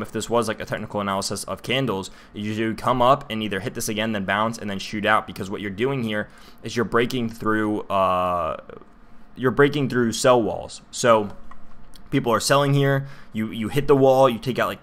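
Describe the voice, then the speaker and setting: A man's voice: lowish voice, fairly even intonation, a little fast, fairly bright tone. A young man hosting a casual livestream of chart analysis, chatty with many fillers, talking to his viewers in chat. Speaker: crypto livestream host.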